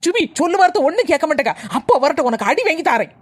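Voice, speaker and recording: A woman's voice: high-pitched, sing-song, rapid-fire, no room sound, clean studio sound. A woman voicing a fussy young mother in a cartoon, with a Tirunelveli-Kanyakumari Tamil accent, scolding and soothing the children. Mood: fretting.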